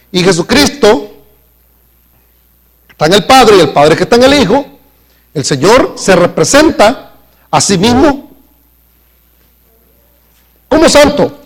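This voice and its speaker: A pastor preaches a live sermon in a church sanctuary, his voice high-pitched. He speaks emphatically, slows down to stress key words, and calls questions out to the congregation.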